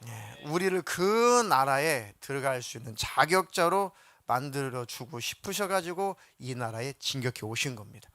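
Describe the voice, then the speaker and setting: A male pastor giving a lively sermon, acting out quotes in voices and putting questions to the congregation. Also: medium pitch, moderate pace, hardly any pauses, dry recording, clean studio sound. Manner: animated, acts out biblical quotes in voices.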